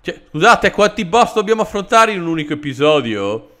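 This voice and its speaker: Animated gamer with a sore throat. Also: male voice, fairly high pitch, a little fast. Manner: animated, sarcastic. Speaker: let's play host. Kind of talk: gameplay commentary.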